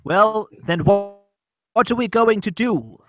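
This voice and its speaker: A man playing an obtuse, stubborn, wisecracking police inspector in a comic radio play, halting and deadpan. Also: high voice, no room sound, faint music behind, heavily acted. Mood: exasperated. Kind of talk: loose comic live parody of old-time radio drama. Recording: noticeable background noise and clicks.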